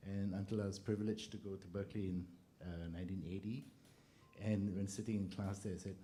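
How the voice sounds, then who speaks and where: A man in his sixties, a composer on a panel, telling stories in a relaxed way and laughing often. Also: low-pitched, fairly quick, slight background noise. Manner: storytelling, laughing often, acts out quotes.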